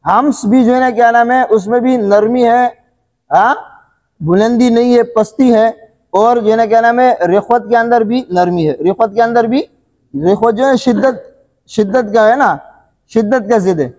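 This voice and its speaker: A man teaching a Quran recitation lesson, quizzing his listeners with repeated questions and answers, coughing and clearing his throat now and then. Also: very high voice, darkish tone, big-room sound. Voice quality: repetitive question-and-answer teaching, frequent filler phrases. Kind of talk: classroom tajweed lesson.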